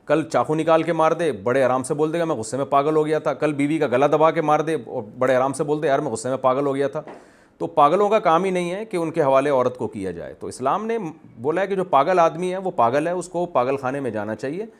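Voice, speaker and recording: Male Islamic scholar, somewhat high voice, forceful repetitive lecturing. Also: expressive, few pauses. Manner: emphatic, argumentative, repeats phrases for stress. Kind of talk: religious lecture.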